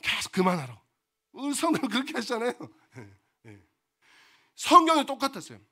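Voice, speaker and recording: Male preacher with a very animated delivery; throws rhetorical questions at his congregation. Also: very high voice, brisk. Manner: repeats phrases for emphasis. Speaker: pastor. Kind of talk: sermon.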